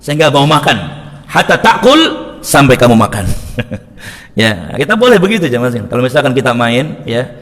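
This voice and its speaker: A man's voice: medium pitch, brisk. A man preaching to a mosque congregation, joking, laughing and acting out quoted lines. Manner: lively, jokes and laughs with the congregation, acts out quotes. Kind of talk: mosque study sermon. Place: mosque hall. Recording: long hall reverb.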